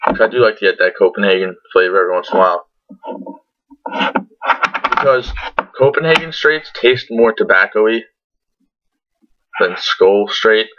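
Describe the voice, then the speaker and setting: Young man, fairly low pitch, casual profane reviewer, lip full of dip, lo-fi webcam sound. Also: moderate pace, long pauses. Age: young adult. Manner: laid-back, profane, rambling. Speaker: tobacco product reviewer. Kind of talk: casual chat to camera, product review. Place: small bedroom, indoors. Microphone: computer webcam at arm's length. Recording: dull lo-fi webcam audio.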